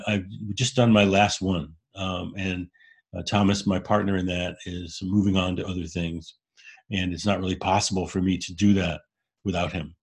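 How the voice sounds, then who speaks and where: A man's voice: low voice, breathy edge. A man co-hosting a podcast in casual conversation, speaking candidly and earnestly as he explains his ideas. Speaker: podcast co-host.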